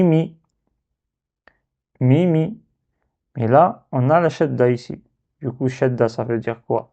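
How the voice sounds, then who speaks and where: Slow-spoken patient male teacher. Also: medium pitch, creaky, mellow. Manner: patient, stretches and repeats syllables for learners. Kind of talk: recorded reading lesson. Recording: slightly dull lo-fi recording.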